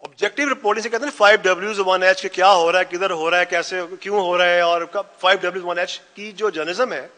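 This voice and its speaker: A man's voice: high-pitched, fairly even intonation, fast, few pauses, pushed and bright. A man gives a conference lecture, mixing English phrases into his talk. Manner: mixes Hindi-Urdu with English phrases. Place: conference hall. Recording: long reverb of a hall.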